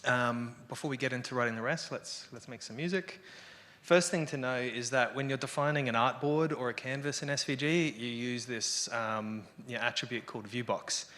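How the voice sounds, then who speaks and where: A man's voice: medium pitch, moderate pace, fairly bright tone. A man giving a casual, irreverent lightning talk to an audience, rambling and conversational, with salty language and wry asides. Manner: rambling and conversational, peppered with "you know". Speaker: lightning talk speaker, developer and illustrator.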